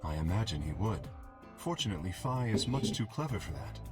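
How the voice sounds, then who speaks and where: A man plays a calm, formal man in a game, with a somewhat low voice. He speaks in a measured, polite way. Music plays under him. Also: natural voice.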